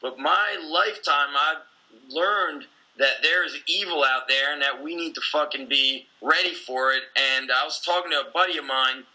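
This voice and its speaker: A man in his forties who sounds like a coach running his own gym talks casually with an intense, blunt drive, swearing along the way. His voice is strikingly bright and a bit high, and the recording is rough.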